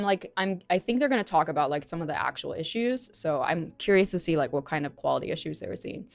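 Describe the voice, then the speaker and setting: Reacting to an article on stream, a young native English-speaking woman reads passages aloud and chats about them, using lots of fillers. She has a mid-range voice, and the recording has no echo.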